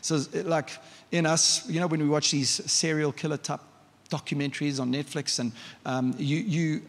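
A man's voice: a little high, steady tone, moderate pace. A man preaching a sermon in a church, conversational and vivid, often asking the congregation questions. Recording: long hall reverb.

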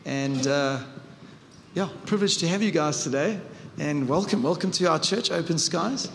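Male church host, fairly high voice, chatty interviewer, reverberant hall. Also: moderate pace, vocal fry, slight background noise. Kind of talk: casual onstage interview.

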